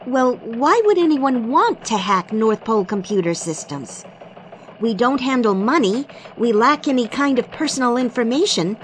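Lively, earnest Christmas elf newsreader played by a woman. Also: on the high side, moderate pace, a little hiss or hum, close to an everyday voice. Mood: puzzled. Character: female Christmas elf radio news anchor, earnest and brisk. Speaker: news anchor. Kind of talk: scripted mock radio newscast.

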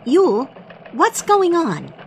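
A cheerful elf anchorwoman, voiced by a woman hosts a playful holiday radio newscast. Her slightly high voice swoops lively between phrases, with a faint hiss under it. The delivery is polished and upbeat. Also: very slow, vocal fry, full character voice. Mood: bright. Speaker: news anchor.

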